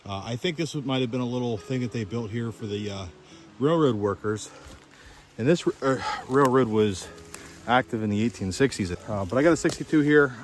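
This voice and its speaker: A man vlogging outdoors in a winter forest while metal detecting, chatty and excited as he talks through each find. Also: mid-range voice, a little fast, a little hiss or hum. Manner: chatty, excited, thinking aloud while digging. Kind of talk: outdoor vlog narration to camera. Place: outdoors in a winter forest by old railroad tracks.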